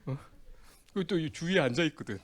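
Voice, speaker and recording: Chatty Korean lecturer with lively pitch. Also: male voice, fast. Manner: chatty, keeps asking the class "응?", acts out friends' banter. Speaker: exam prep lecturer. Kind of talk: casual lecture with personal anecdote.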